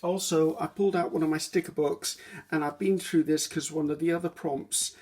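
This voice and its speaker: Speaking briskly in a low, steady, slightly mellow voice, a woman walks through a craft project at her home table. She keeps it casual and chatty, rambling, fixing her own words, and saying um a lot.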